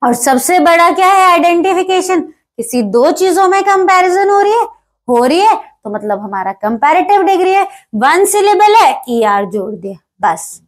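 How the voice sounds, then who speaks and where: With an extremely high pitch and big swings in it, a woman teaches grammar step by step. She reads English example sentences slowly and checks often whether her students follow along.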